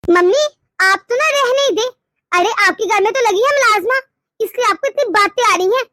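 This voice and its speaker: A woman voicing a complaining, sharp-tongued young wife in a cartoon story. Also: very high voice, fairly quick. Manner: whiny, indignant.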